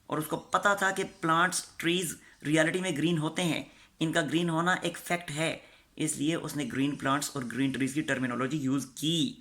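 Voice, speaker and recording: Bright-voiced man arguing a lecture point. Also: fairly high pitch, fairly even intonation. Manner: argumentative, poses rhetorical questions. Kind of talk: lecture rebuttal.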